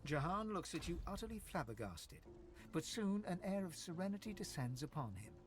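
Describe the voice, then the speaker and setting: A man playing the storybook narrator of a fantasy video game, with expressive, literary scripted delivery. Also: sits high, fairly quick, faint music behind. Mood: descriptive.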